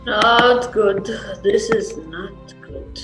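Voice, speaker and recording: A woman playing a frantic, exasperated onlooker in a comic stage play, pleading and shouting panto-style call-outs at the characters. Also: medium pitch, drawn-out words. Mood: alarmed. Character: frantic, exasperated horror-movie-style audience member yelling warnings at the story. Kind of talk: comic stage theatre acting. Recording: roomy stage sound, faint music.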